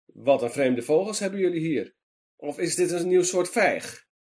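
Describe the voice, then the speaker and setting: A man's voice: fairly high pitch, lively intonation, normal speed, darkish tone, voice pushed up. A man voicing a kind, teasing teacher figure in a storybook reading, with a playful way of calling out.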